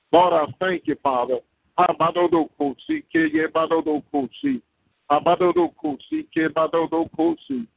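A man's voice: a little high, no room sound. A man leading a fervent, rhythmic spoken prayer, repeating phrases and breaking into tongues. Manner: rhythmic repetitive praying with tongues. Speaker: prayer leader. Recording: tinny phone line.

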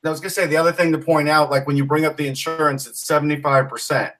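Man, higher voice, opinionated co-host, from long island, sitting back from the mic. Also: flat delivery, fast, fairly bright tone, far from the mic, low-quality recording. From Long Island, New York. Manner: opinionated, storytelling. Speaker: podcast co-host. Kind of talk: casual sports podcast chat.

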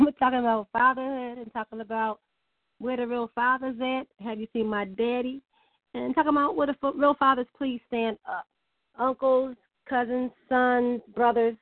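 A woman hosts a talk show and reads a short poem in a gentle, earnest manner. Her voice sits a little high. The sound is dry and tinny, like a phone line. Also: no room sound. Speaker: radio show host. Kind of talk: hosting and reading a poem.

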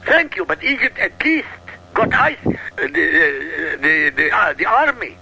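Forceful, gravelly man from Iraq. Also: on the high side, big pitch swings, a little slow, slight background noise, rough recording. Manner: emphatic, insistent, rhetorical questions. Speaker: guest commentator. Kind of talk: heated political talk.

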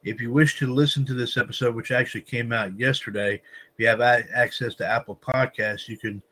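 A man's voice: mid-range voice, steady tone, fairly quick, rough recording. Man reading wrestling news, stumbling often. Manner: reads with frequent stumbles and restarts; addresses listeners as ladies and gentlemen. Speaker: podcast host.

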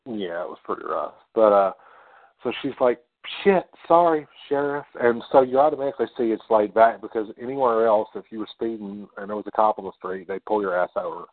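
Casual podcast co-host, low-ish male voice, rambling recap, dry thin phone-quality audio. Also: fast, no echo. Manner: rambling retelling with many fillers and quoted lines. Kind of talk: casual movie recap chat. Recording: dry tinny phone-like sound.

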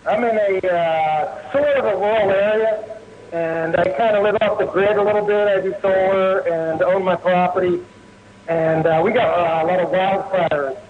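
A man from New Jersey calls in to a talk show on a speakerphone that keeps breaking up, and he speaks haltingly with many fillers. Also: high-pitched. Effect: speakerphone call that breaks up. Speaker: caller. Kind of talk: phone-in call to a talk show. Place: rural home. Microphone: phone on speakerphone. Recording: tinny noisy speakerphone line.

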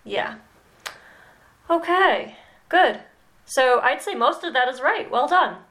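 A woman mentoring a student in animal communication, talking slowly and hesitantly with many pauses and "okay"s. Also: sits high, animated, a bit bright, poor audio. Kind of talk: mentoring session.

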